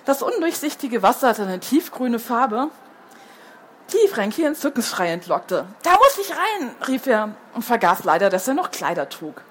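A woman's voice: on the high side, expressive, normal speed, slight background noise. A woman reading a children's book aloud as the storyteller, who falls into hesitant fillers when she chats between passages.

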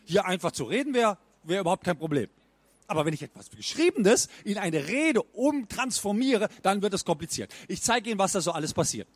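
A man giving a stage talk as a speech trainer, lively and mimicking bad speaking habits with exaggerated intonation. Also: high-pitched, a little fast, dry recording. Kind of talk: stage talk at a book fair.

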